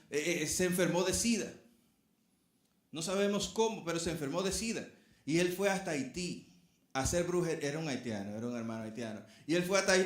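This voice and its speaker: A man's voice: sits high, a bit bright, echoey room. A middle-aged man preaching a sermon as a pastor, earnest and speaking straight to his congregation.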